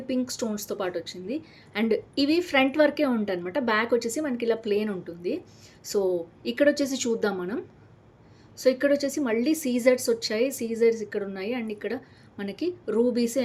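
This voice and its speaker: Fast-talking chatty Telugu woman vlogger. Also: a little high, darkish tone. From Hyderabad, India. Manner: chatty, enthusiastic, mixes English words into Telugu. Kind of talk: casual product unboxing vlog.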